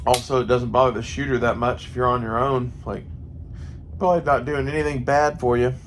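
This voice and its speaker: Speaking briskly in a level, medium-pitched voice, this American man delivers a loose, rambling monologue as a gun hobbyist vlogger, musing aloud and cursing without restraint. There is faint background noise.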